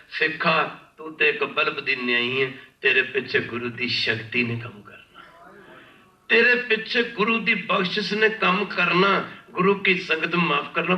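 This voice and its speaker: Impassioned male preacher in an echoey hall. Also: fairly high pitch. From India. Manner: impassioned, repeats phrases, often says pardon me to the congregation. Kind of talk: sermon with storytelling. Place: large worship hall. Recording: echoey hall, distant mic, dull lo-fi.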